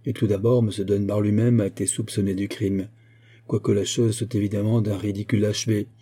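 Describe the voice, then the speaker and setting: A man reading an audiobook, voicing a gossipy, self-assured older widow in a raised, lively tone. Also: on the low side, fairly quick, slightly rough. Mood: gossiping. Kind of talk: audiobook character voice.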